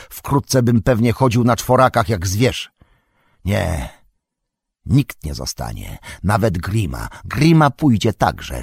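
A man's voice: fairly low pitch, creaky, a little mellow, slightly rough, dry recording, studio quality, full character voice. A man voicing an old king who speaks in a firm, commanding, authoritative way in a storybook reading. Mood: scornful.

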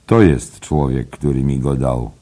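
A man voicing a secretive male punter with a sly, hushed manner in an audiobook. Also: a bass voice, measured pace. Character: secretive male betting tipster. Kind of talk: audiobook character voice.

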